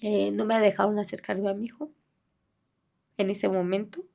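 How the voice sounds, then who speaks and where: A middle-aged woman speaking in a halting, soft-spoken way, with many fillers and restarts, as a bereaved mother giving an interview. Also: mid-range voice, flat delivery, gravelly. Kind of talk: personal testimony in an interview.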